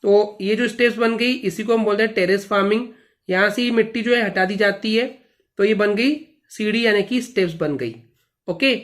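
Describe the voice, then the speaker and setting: A man's voice: high-pitched, moderate pace, a bit bright. A young man teaching a school lesson at a board, patient and repetitive, often checking in with "okay" and "students". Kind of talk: explaining a lesson at a whiteboard.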